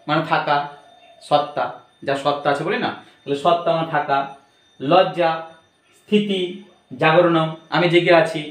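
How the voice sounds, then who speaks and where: A man's voice: a little high, a bit bright, reverberant, low-quality recording. A man teaching an online grammar lesson, explaining patiently step by step and checking in with repeated questions.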